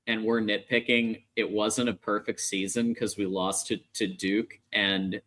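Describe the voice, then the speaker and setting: A man's voice: lowish voice, level tone, a little slow, a bit bright. A man hosting a casual livestream sports show with upbeat, conversational patter.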